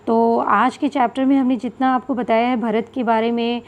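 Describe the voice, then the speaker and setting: A woman's voice: on the high side, steady tone, moderate pace. A woman teacher explaining a Sanskrit textbook lesson, going word by word and repeating key terms. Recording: tinny phone-like audio.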